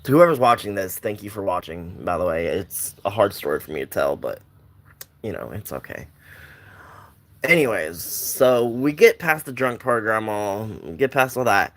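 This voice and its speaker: Rambling young man with a lively voice. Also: lowish voice, normal speed. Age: young adult. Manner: rambling, repeats himself, chats to viewers. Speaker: livestreamer telling a family story. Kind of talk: casual livestream storytelling.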